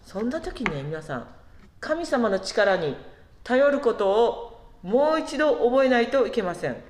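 A woman giving a conversational sermon who asks the congregation questions and slows down on key words. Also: on the high side, very animated, a little mellow, echoey room. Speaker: preacher.

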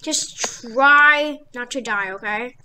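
A female gaming host giving excited, casual gameplay commentary and explaining things as she plays. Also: fairly high pitch, slow pace, smooth, poor audio.

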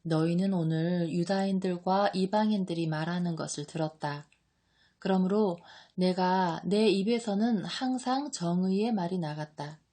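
A solemn male teacher speaking low and quietly, grave and measured, in a warm, mellow voice, as a woman reads him aloud in an audiobook. He never hurries. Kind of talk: audiobook reading.

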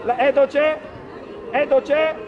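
Male football coach, very high voice, barking short repeated orders from the touchline; muffled outdoor recording with a crowd behind. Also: steady tone, unhurried. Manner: urgent, repetitive instructions. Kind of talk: shouted sideline coaching. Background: crowd noise.

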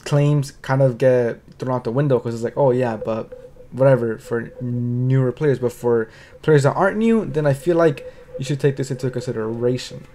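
A man at an ordinary middle pitch talks through a video game in a loose, off-the-cuff way. He stammers over words as he thinks, swears casually, and keeps checking in with his listeners. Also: moderate pace, warm tone, slight background noise. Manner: rambling, stuttering restarts, casual swearing, frequent "right?". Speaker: game commentary creator. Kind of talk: casual gaming commentary.

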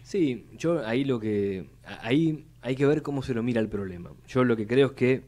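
A young man with a Buenos Aires Spanish accent, a city legislator, gives a live radio interview into a studio mic on a boom arm. His medium-pitched, mellow voice moves at a moderate pace with lively intonation. He talks measured policy formally, often repeating words as he builds long arguments.

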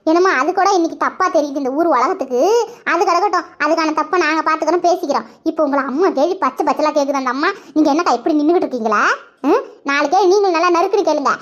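High-pitched woman, rapid gossipy chatter, slightly dull lo-fi sound. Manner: chatty, gossiping, laughs while talking. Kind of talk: cartoon village gossip voice-over.

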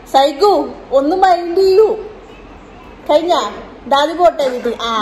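A woman's voice: mid-range voice, mellow, slight background noise, low-quality recording. A woman with a Malayali accent chatting casually in a home vlog, coaxing a sleepy crying child in a sing-song way. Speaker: vlogger. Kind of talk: casual family vlog chat. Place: home in rainy evening.

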